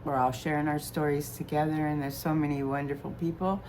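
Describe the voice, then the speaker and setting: A woman's voice: low voice, level tone, a little fast, a little mellow, slight background noise, low-quality recording. A woman in her sixties, slightly tipsy, chatting casually and ramblingly as a vlogger. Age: 60s. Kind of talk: casual chat.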